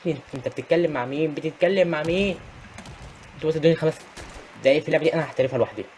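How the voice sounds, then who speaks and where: A young man with an Egyptian Arabic accent giving excitable gameplay commentary, often shouting at enemies. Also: a little high, rapid-fire, slight background noise. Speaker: gaming YouTuber.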